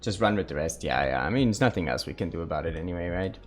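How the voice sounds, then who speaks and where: A man with a deep voice streams a survival game live, talking fast with lively intonation. He thinks out loud and chats easily with the audience while soft background music plays.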